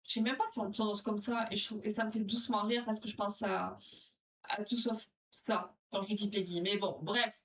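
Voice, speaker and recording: A woman's voice: mid-range voice, steady tone, normal speed, fairly bright tone. Chatty French woman, distant mic. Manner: chatty, rambling, reads viewer comments aloud. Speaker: livestream host. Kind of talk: casual live chat with viewers, running a quiz. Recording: distant mic with music behind.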